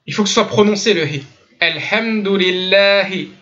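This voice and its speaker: This French speaker talks in a rapid-fire, high-pitched voice that is lively in intonation and a bit bright. He's an Islamic teacher running an online religious lesson through a computer mic in a voice chat room, and the lo-fi audio catches him insisting on correct pronunciation by sounding it out himself.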